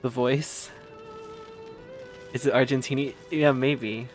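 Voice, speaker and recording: Casual, joking gaming streamer. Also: male voice, mid-range voice, fairly even intonation, slow, soft background music. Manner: rambling, joking. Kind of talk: casual commentary.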